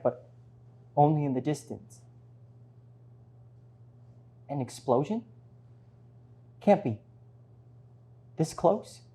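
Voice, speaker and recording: One-man show: man playing both parts, here an earnest, reflective narrator of family history, moderately high male voice, deliberate stage delivery. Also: dark tone. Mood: hushed, shocked. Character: grown child earnestly recounting a refugee mother's childhood.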